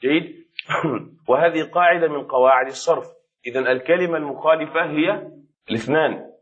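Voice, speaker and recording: A sheikh teaching a lesson, with a voice pitched a little high for a man. He explains patiently, repeats key words and keeps checking that the listener understands. The recording sounds dull and lo-fi. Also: a little fast, a bit bright. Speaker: sheikh teaching Arabic rhetoric. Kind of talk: classroom lesson.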